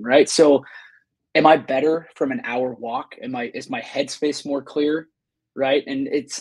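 A man, a fitness coach co-hosting a podcast over a video call, talking in an earnest way with quick bursts. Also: medium pitch, husky, no room sound, rough recording. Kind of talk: casual podcast conversation.

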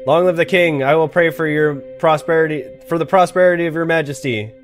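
Gamer guy reading game cards and cracking up, kinda high voice, faint music under it. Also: fairly quick. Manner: reads game cards aloud and reacts with laughs and swearing. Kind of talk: let's play commentary.

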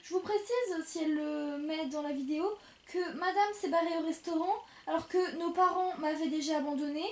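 A woman's voice: very high voice, moderate pace, hardly any pauses, a little mellow, echoey room. A young woman teasing her co-host in casual, playful chat.

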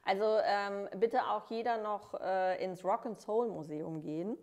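A woman's voice: medium pitch, darkish tone. A woman in her thirties from Cologne, a travel expert guest chatting enthusiastically on a podcast. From Cologne, Germany. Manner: enthusiastic, affirming, quick to laugh. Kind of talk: casual interview chat. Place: studio room with dark backdrop.

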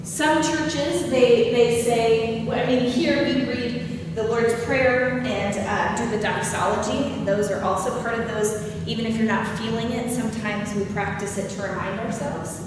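A woman's voice: on the high side, steady tone, unhurried, hardly any pauses. Woman pastor preaching in an echoey church. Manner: chatty, asks the congregation questions. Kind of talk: conversational sermon. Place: church sanctuary. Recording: echoey hall from far off, noisy.

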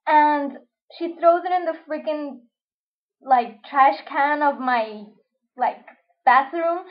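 A young woman tells a vlog story with lots of drama, fillers and swearing. Her voice is high and bright, and the recording sounds dull and lo-fi. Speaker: vlogger.

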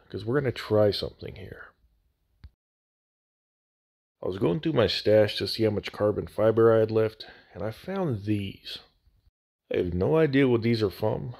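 A relaxed, plain-spoken man narrating a step-by-step hobby tutorial, his voice echoey because of a damaged microphone. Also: lowish voice. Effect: echoey sound from a damaged phone mic. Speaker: scale model builder.

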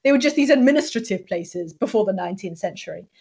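A woman's voice: mid-range voice, lively intonation, fast talker, mellow, slightly rough. A woman hosting an academic interview, asking probing, long questions and often restarting her words. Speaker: host, interviewer.

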